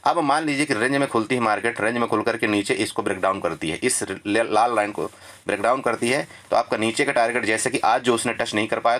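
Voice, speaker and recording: A man's voice: lowish voice, fairly bright tone. A man walking viewers through trading charts in a casual lesson, chatty and repetitive, often checking in with his listeners. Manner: chatty, repeats "theek hai", addresses viewers as friend. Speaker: stock market trading tutor.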